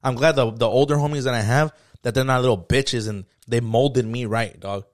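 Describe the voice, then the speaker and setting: A man co-hosting a podcast, his voice sitting at an ordinary middle pitch. He talks casually and tells stories with lots of slang and swearing. His delivery is loose and animated. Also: moderate pace. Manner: profane, slangy, animated storytelling. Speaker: podcast co-host. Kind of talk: casual chat.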